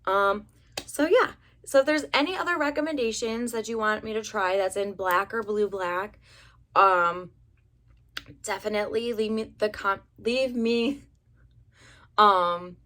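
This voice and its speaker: A young adult woman from the United States with a raspy voice, rambling chattily through a casual hair color review. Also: medium pitch, a little slow, pushed and bright. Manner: rambling, chatty, many fillers. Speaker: beauty vlogger.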